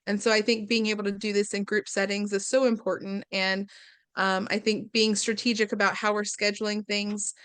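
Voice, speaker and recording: A woman's voice: mid-range voice, flat delivery, normal speed, a bit bright, clean tone, dry recording. A woman sharing earnest, reflective thoughts in a community group meeting, with some fillers. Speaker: community arts meeting participant.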